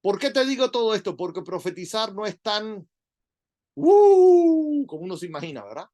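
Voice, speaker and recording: Speaking fast in a high-sitting voice, a middle-aged preacher delivers his sermon conversationally and with energy, leaning heavily on rhetorical questions.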